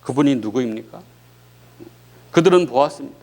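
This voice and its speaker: A male pastor preaching a sermon with dramatic swings of voice, often saying "예" between phrases and dropping low and soft at the ends of sentences. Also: expressive, a little fast. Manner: dramatic preaching that acts out the disciples' cries, rising and falling sharply; frequent filler "예" between phrases.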